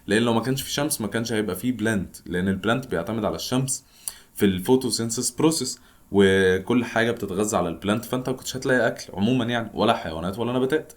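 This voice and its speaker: A young man with an Egyptian accent teaching a science lesson in a chatty way, asking and answering his own questions. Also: lowish voice. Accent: Egyptian Arabic. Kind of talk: casual explanatory lesson mixing English terms.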